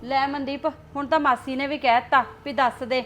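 A woman's voice: sits high, steady tone, a little fast, fairly bright tone, soft background music. A woman playing a meddling young gossip. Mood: telling. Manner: meddling, mocking. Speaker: niece in a family drama. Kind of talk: Punjabi short film acting.

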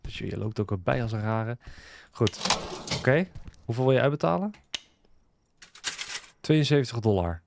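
A man's voice: medium pitch, animated, moderate pace, gravelly, pauses often. A man gives a casual running commentary over a game he is playing. His voice swings widely up and down as he jokes and teases the characters on screen. There is a faint hiss behind him. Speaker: gaming video host. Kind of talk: casual let's-play commentary.

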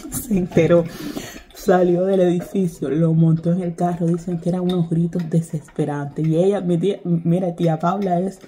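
A young woman with a low-pitched voice tells her viewers a story in a loose, chatty way. She laughs often and acts out what people said as she goes. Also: fairly even intonation, normal speed, mellow, slight background noise. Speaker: vlogger.

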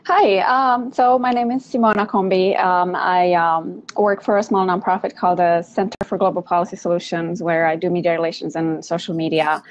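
A woman's voice: on the low side, fairly even intonation, brisk, hardly any pauses. Hesitant woman guest over lo-fi audio. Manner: hesitant, many ums. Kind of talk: casual video chat.

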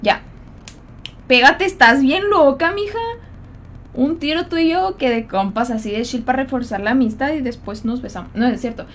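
With a high, fairly bright voice, a young Mexican woman streams a game and talks to her chat in rapid, slang-heavy banter flavored with Spanish, playfully ribbing viewers as she greets them. Faint hissing noise runs under her casual livestream talk.

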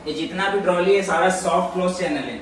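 A man's voice: sits high, fast, a little hiss or hum. A young man giving a walking tour of a finished apartment, plainly pointing out fittings one by one as an interior contractor. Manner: plain, matter-of-fact pointing out of features. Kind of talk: walkthrough tour, explaining fittings. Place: large empty apartment with bare walls, indoors. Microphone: camera mic, filmed while walking. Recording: echoey empty rooms, camera at a distance.

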